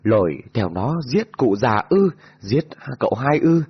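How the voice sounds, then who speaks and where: A man voicing a loyal highland male servant who pleads and exclaims in a raised, lively voice. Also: measured pace, breathy edge, dull audio, heavily acted. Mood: pleading. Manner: excited, exclamatory, raised pitch.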